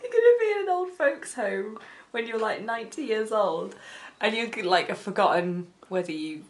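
A woman's voice: mid-range voice, expressive, normal speed. A woman co-hosting a casual comedic podcast, teasing and laughing a lot. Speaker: podcast co-host.

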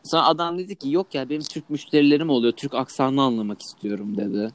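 A man's voice: mid-range voice, fairly even intonation, fast, no room sound. A young man co-hosting a casual chat, joking and teasing his friend.

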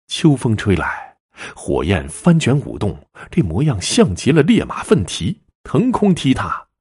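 A man narrating a spooky folk tale in a lively, drawling storytelling manner. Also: mid-range voice, measured pace, breathy edge.

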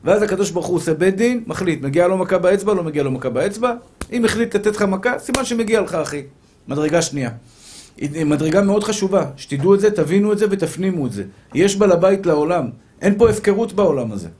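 A man, a rabbi, giving an animated sermon full of rhetorical questions and repeated phrases, his speech a little slurred after tooth extractions. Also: sits high, a little hiss or hum. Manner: animated, acts out little scenes and voices.

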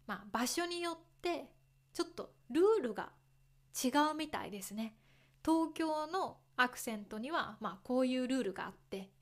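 Japanese lady from kyoto, teaches learners, slow and clear, kinda high voice, gentle. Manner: gentle, explains with simple words and repeats examples. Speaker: podcast host teaching Japanese.

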